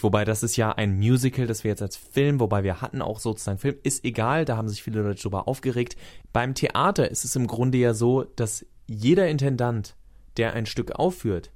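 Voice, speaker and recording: A man's voice: mid-range voice, a little mellow. A man co-hosting a podcast, talking in a casual and opinionated way, with playful asides. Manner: opinionated, playful, with mock-voiced quotes. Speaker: podcast co-host. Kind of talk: casual discussion.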